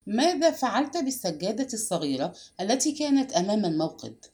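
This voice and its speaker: A woman reading aloud and voicing a calm, shrewd old spinster detective who speaks low, slow and measured. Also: lightly acted. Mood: grave, knowing.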